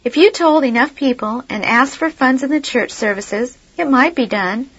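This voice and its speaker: A woman reading out a practical wife who hesitates and doubts every bold plan. The voice is a bit high and the recording sounds dull and lo-fi. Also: expressive, moderate pace, fairly bright tone. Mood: doubtful.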